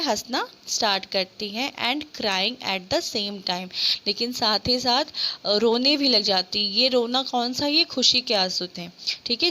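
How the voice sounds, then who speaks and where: Slow, bright-voiced woman teacher explaining. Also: a little high, slight background noise. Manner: reads English lines very slowly, then explains in casual Hindi; spells words out letter by letter. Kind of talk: slow textbook reading with Hindi explanation.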